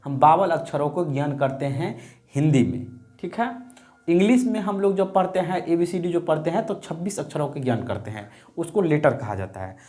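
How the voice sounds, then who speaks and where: A man's voice: fairly high pitch, lively intonation, brisk, a little mellow. A man teaching a grammar lesson, repeating key words and putting questions to his students.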